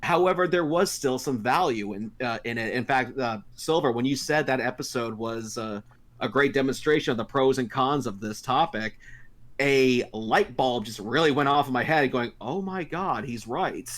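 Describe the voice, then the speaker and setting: A man's voice: mid-range voice, normal speed, fairly bright tone. A man hosting a casual panel discussion, talking with many fillers and restarts. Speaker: podcast host.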